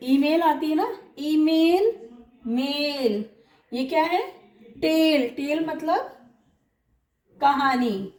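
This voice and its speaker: A woman's voice: high voice, a little mellow, reverberant. A woman teaching English phonics, patiently working through examples and checking that her students follow. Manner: patient, drawn-out examples, frequent check-ins like "clear?". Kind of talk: phonics lesson in Hindi.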